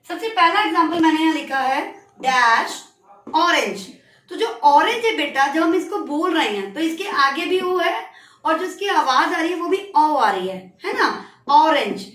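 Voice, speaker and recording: A woman teacher with a high voice leads a children's grammar lesson, patiently repeating her questions and coaxing the class to answer. She speaks from some way off the mic in a reverberant classroom. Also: fairly bright tone. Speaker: school teacher. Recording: echoey room, voice from a distance.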